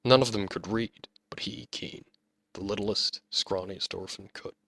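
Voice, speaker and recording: A man narrating his own fantasy novel as an audiobook, reading in a measured storytelling manner. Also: fairly low pitch, steady tone, vocal fry, fairly bright tone, husky, no room sound.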